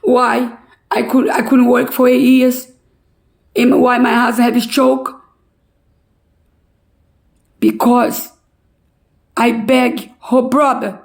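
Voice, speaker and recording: An older woman from Brazil with a Brazilian Portuguese accent, giving an emotional personal testimony in halting, broken English. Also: sits high, vocal fry.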